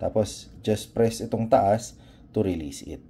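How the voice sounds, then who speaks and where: A Filipino man casually unboxes and reviews a product for his motorcycle vlog, hesitating for words and code-switching between Tagalog and English. His voice is lowish, mellow, and unhurried, and the recording picks up noticeable room ambience and background noise.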